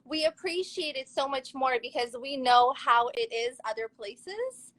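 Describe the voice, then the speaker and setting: A young Serbian woman, a model and actress, speaks English in a high, bright, expressive voice at a measured pace. As an upbeat, chatty interview guest she laughs easily and tells her story casually, though the recording is rough.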